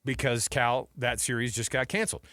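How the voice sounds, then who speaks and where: A male sports radio host with a steady, mid-pitched, slightly bright voice talks a little fast. He keeps his casual sports talk loose and conversational, treating listeners and his co-host like buddies. He's recorded dry and close in a studio.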